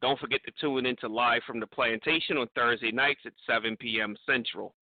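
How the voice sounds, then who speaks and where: A man hosting a radio show, thanking sponsors and callers in a relaxed way with many fillers. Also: medium pitch, fairly quick, no echo, phone-quality sound. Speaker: radio host.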